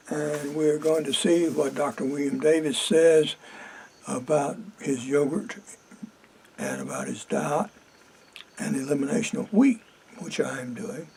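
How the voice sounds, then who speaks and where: An older man vlogging quietly from a duck blind while turkey hunting, in a rambling, folksy way. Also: fairly high pitch, gravelly, slightly rough, poor audio. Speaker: hunter vlogger. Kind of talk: casual outdoor vlog.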